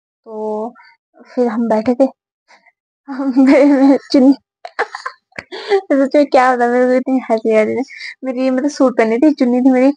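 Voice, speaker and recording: A woman's voice: high-pitched, fairly even intonation, moderate pace, long pauses, warm tone, no room sound, poor audio. A young woman in her twenties, chatting casually to camera as a vlogger and giggling now and then while she tells a personal story. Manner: giggly, chatty, repeats filler words often.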